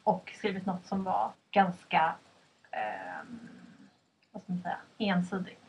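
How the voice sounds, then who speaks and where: A woman's voice: fairly low pitch, sing-song, darkish tone. A young woman from Stockholm, co-hosting a podcast in a chatty, casual way, asking the questions with plenty of fillers. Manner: chatty, fillers like "liksom" and "så här", drives the questions. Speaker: podcast co-host. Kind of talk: casual chat. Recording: dull lo-fi with faint background noise.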